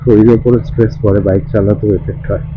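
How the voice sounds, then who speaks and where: A man with a deep voice talking softly at normal volume while riding a motorbike, recorded through a helmet mic. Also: flat delivery, fast. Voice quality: deep bass-heavy voice. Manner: speaks softly at normal volume, never shouts. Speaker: moto vlogger. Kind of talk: casual vlog talk while riding. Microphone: helmet-mounted mic inside ear pad. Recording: muffled helmet mic with faint road noise.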